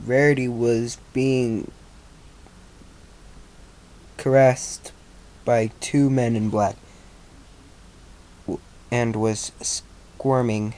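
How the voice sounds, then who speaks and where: Man, mid-pitched, slow amateur story reader who trips over words and restarts; relaxed, casual. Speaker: fan fiction reader.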